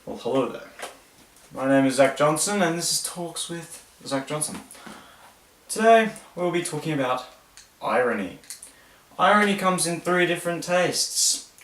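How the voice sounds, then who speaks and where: A man's voice: fairly high pitch, animated, measured pace, pauses often, fairly bright tone, a little hiss or hum. A man hosting a jokey explainer, talking in a playful, rambling, self-mocking way. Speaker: host. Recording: roomy echo, distant mic.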